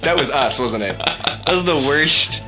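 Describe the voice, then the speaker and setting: A man's voice: a little high, lively intonation, a little slow, over music. A man co-hosting a podcast, trading playful jokes while casually reviewing a film. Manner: joking, playful asides. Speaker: podcast co-host. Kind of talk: casual movie review chat.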